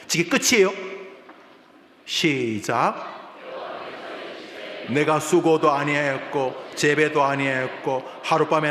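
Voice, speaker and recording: A man preaching from the pulpit, his voice high and bright, with a long reverb tail from the large room around him. He swings between calm reading and sudden loud, animated outbursts. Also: a little hiss or hum. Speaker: senior pastor. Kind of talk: sermon. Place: large church sanctuary. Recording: echoey hall reverb.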